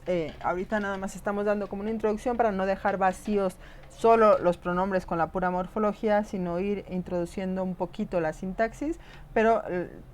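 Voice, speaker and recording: A woman's voice: mid-range voice, darkish tone, a little hiss or hum. A woman giving a recorded online lesson, explaining patiently and often checking whether her students follow. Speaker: teacher.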